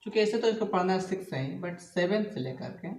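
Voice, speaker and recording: A man teaching a Hindi grammar lesson to students, explaining slowly and repeating each definition while calling his viewers "guys". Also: sits high, animated, darkish tone, reverberant, slight background noise. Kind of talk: classroom-style video lesson.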